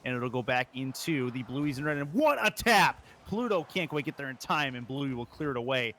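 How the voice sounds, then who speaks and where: A man calling esports play-by-play, rapid and rising to shouts at big moments. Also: mid-range voice, slight background noise. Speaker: play-by-play caster.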